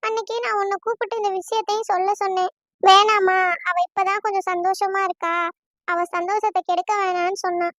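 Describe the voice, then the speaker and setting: A woman voicing a calm, remorseful middle-aged aunt in a cartoon, explaining slowly and with regret. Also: very high voice. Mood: soothing. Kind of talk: cartoon voice acting.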